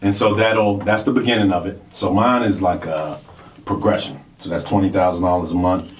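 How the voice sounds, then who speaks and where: Deep-voiced man in his forties on the radio. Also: fairly even intonation, a little fast. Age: 40s. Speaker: radio show co-host. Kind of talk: casual radio talk. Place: radio studio. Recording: roomy studio sound, mic at a distance, faint hiss.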